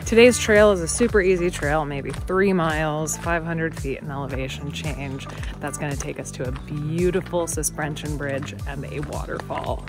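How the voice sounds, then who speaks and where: A woman's voice: deep voice, normal speed, over music. A woman in her thirties, a travel vlogger chatting casually on camera and talking to her dog, filmed at arm's length outdoors and in a camper van. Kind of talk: casual vlog narration.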